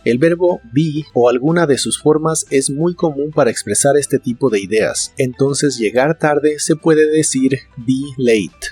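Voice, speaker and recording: Man teaching a slow, careful language lesson. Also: mid-range voice, a little mellow. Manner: slow, carefully enunciated word repetitions. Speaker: English teacher. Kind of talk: scripted lesson narration.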